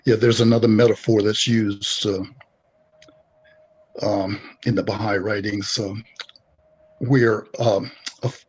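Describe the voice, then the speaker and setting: A man leading a group discussion, speaking thoughtfully and pausing often with fillers. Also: fairly low pitch, flat delivery, husky. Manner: thoughtful, halting with many fillers. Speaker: discussion host.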